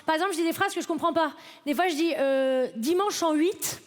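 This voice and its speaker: A woman's voice: sits high, a little fast. A woman in her late twenties doing a stand-up comedy set on stage, chatty and self-mocking as she talks straight to the audience. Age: late 20s. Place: comedy festival stage before a live audience.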